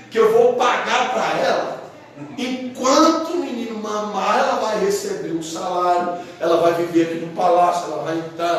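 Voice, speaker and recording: A proud young royal woman, firm and decisive, in a fairly high voice, as a man puts her on. The sound is very echoey and heard from far off, as if recorded across a large hall. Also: lightly acted.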